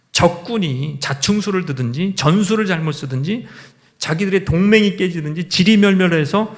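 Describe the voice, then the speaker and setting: A male pastor with a voice on the high side preaches a conversational sermon, asking his congregation one question after another.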